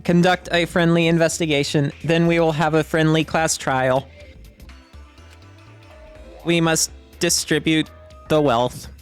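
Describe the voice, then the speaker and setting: A woman voicing a stiff little robot, speaking in a flat, monotone robot voice while reading game dialogue aloud. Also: sits low, measured pace, long pauses, clear, resonant tone, soft background music. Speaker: streamer.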